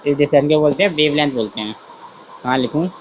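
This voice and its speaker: This science teacher's voice is fairly high and fast, captured in lo-fi sound with a little hiss or hum. Teaching his online lesson, he chats casually and talks through his thoughts as he draws, repeating "theek hai" often. He fixes his own slips and checks that students are following.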